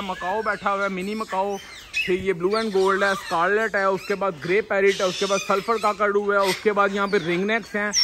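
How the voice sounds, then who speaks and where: High-pitched excited man vlogging. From Pakistan. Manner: excited, chatty, addresses viewers directly. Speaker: vlogger host. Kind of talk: casual walkthrough vlog. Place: large outdoor bird aviary. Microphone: phone camera held at arm's length. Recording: noisy outdoor phone recording. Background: birds squawking.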